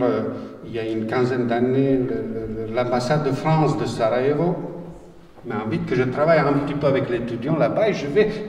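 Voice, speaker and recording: A man with a Bosnian accent tells his stories in a halting way, repeats his words, and slips in wry humor. He is picked up from some distance by the mic. His voice rings out in a large hall with a long reverb. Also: medium pitch, darkish tone. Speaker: writer on a panel. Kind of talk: personal storytelling talk. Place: conference hall. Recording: roomy hall, distant mic, faint noise.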